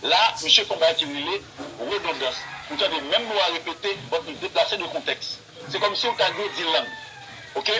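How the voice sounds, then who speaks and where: A man's voice: a little high, moderate pace, noisy background. A man with a Haitian accent teaching rap wordplay on a live stream, explaining with examples and dropping fillers like "yo".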